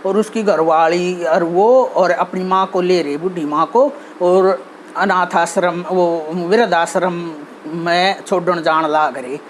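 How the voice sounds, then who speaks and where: A woman's voice: fairly low pitch, a little hiss or hum. Earnest Haryanvi woman giving advice. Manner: earnest, repeats herself, many fillers and restarts. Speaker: channel host giving advice. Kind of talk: casual talk on social behavior.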